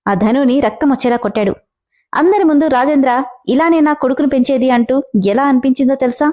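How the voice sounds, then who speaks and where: A woman's voice: sits high, fast, warm tone, natural voice. A woman voicing a stern, hot-tempered middle-aged father who scolds harshly, in a storybook reading. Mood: angry.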